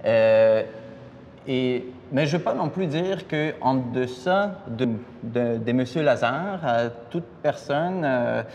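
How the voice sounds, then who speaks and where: Hesitant male writer guest, mid pitch, long reverb, faint hiss. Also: expressive, slow, darkish tone, highs cut off. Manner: hesitant, searching for words. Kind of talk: interview answers.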